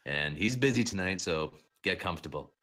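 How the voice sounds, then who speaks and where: A man's voice: low-pitched, lively intonation, a little fast, crowd noise. A man playing a stern, officious town guard.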